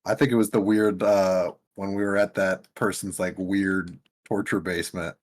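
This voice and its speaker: A man's voice: deep voice, level tone, normal speed. A man chatting casually as a player in a tabletop game. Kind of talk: casual chat.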